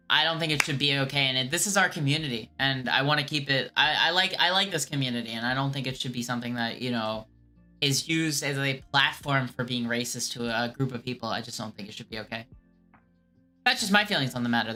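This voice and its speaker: With a very deep voice that sounds pushed and bright, a woman who streams scam baiting fields viewer questions earnestly, halting and restarting frequently.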